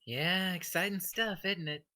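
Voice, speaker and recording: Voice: medium pitch, a little slow, pushed and bright. A player voicing a blunt, casual young woman who is about to be married, speaking offhandedly. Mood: offhand. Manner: offhand, breezy.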